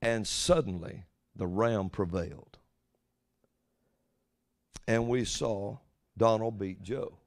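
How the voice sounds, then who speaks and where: A man's voice: on the low side, takes it slowly, long pauses. Folksy male preacher, rambling prophetic sermon. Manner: folksy, rambling, with rhetorical questions.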